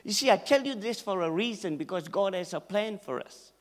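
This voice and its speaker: A man with a Malaysian English accent, originally from Malaysia, preaching as a guest in church, excitable and over the top with frequent laughter. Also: sits high, brisk. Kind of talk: sermon. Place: church hall. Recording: echoey church hall with long reverb.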